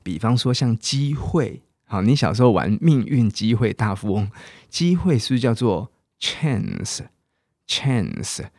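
Lively man with a Taiwanese Mandarin accent. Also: medium pitch, breathy edge, dry recording, studio quality. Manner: lively, coaxing, repeats example words slowly. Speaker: English teacher and podcast host. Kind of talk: casual podcast English lesson.

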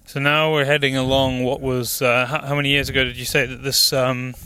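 Male interviewer, bright tone, conversational questions, outdoor walk, slightly breathless. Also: medium pitch, level tone, brisk, smooth. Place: outdoors on a plantation.

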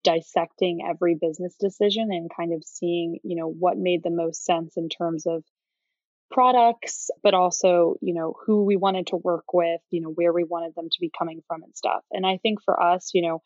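An American woman co-founder speaks casually in an interview, leaning on fillers. Her voice is somewhat low and stays flat in pitch. The audio is dull and dry. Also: moderate pace, no room sound. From United States. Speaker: company co-founder. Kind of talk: interview answers.

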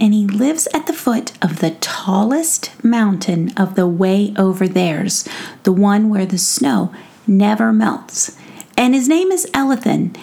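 A woman's voice: mid-range voice, vocal fry, mellow, husky, full character voice. A woman voicing a kind, earnest young boy in a bedtime story, with eager, stumbling speech.

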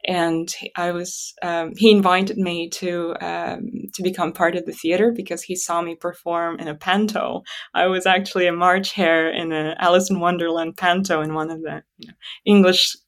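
A woman from Kazakhstan, a native Russian speaker, telling personal stories as an interview guest in a halting, reflective way. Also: lowish voice, little pitch movement. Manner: halting, reflective, thinking aloud. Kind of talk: conversational personal storytelling.

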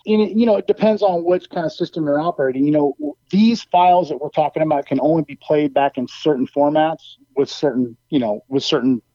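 A man's voice: on the high side, a little fast, few pauses, warm tone, dry recording. A man calling in as a guest by cell phone, his voice compressed and the connection cutting out as he eagerly explains technical details with everyday comparisons. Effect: compressed cell phone line cutting out. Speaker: guest product expert. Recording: dull, lo-fi phone call audio.

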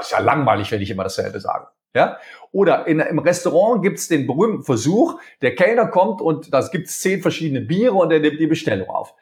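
A man's voice: a little high, darkish tone. A man as an interview guest, talking in a conversational way and acting out quoted dialogue in different voices. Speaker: interview guest, communication speaker.

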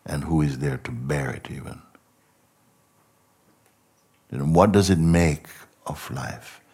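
A man giving a contemplative spiritual talk as a teacher, speaking slowly and reflectively, posing many rhetorical questions and often trailing off softly. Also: rumbling low, husky.

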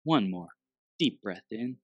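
A man leading a guided meditation with a soothing delivery and long pauses, speaking softly as if right in your ear. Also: fairly low pitch, animated, husky, dry recording, dull audio.

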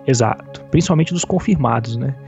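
A man in his thirties, an ICU doctor, explaining things in a measured way during an interview heard over a phone line. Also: medium pitch, creaky, a little mellow, faint music behind. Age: 30s. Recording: dull, muffled phone call audio.

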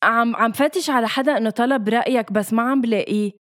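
A woman's voice: fairly high pitch, quick pace. A woman with a Lebanese accent co-hosting a podcast in casual, playful banter. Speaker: podcast co-host.

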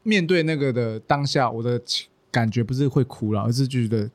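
A man with a Taiwanese Mandarin accent, chatting on a podcast, talking quickly and finishing other people's sentences. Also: mid-range voice, a little mellow, no room sound. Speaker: podcast co-host. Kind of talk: casual chat.

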